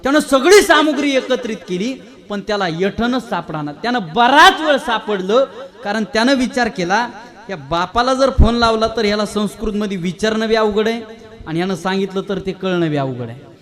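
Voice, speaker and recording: Kirtan preacher, high voice, playful, quizzes the crowd. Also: male voice, normal speed. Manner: animated, teasing, quizzes the audience. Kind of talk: humorous kirtan storytelling.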